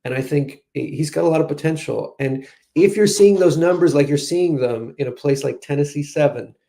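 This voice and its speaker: A man's voice: a little high, normal speed, creaky, dark tone. A man giving political analysis as a strategist guest, talking conversationally with frequent restarts. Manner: conversational, restarts, "you know" fillers. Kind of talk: political commentary interview.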